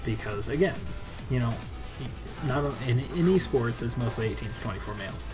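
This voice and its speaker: A young man rambling drunkenly and profanely in a loose, repetitive casual rant while he streams a game. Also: medium pitch. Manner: loose, circling, repeats himself. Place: indoor room, streaming at a computer. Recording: loud game music behind. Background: loud game music.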